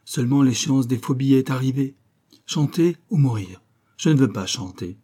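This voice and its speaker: A man's voice: medium pitch, animated, moderate pace, mellow, voice pushed up, close to an everyday voice. A man voicing a distraught young man who talks in a plaintive, stammering and agitated way, in an audiobook. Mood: plaintive despair. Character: distraught young man, rich man's son, despairing. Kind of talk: audiobook character voice.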